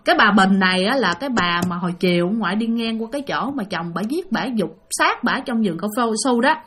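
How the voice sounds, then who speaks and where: A woman's voice: medium pitch, expressive, a little fast, fairly bright tone, breathy edge. A woman telling a ghost story in a chatty way and speaking directly to her listeners. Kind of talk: spoken ghost-story narration.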